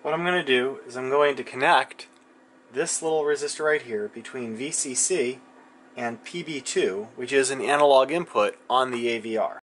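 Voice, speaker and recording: At a cluttered indoor electronics workbench, a man informally narrates a hands-on demonstration, musing to himself as he thinks aloud. His voice is medium-pitched and a bit bright, at a moderate pace, with a little hiss or hum.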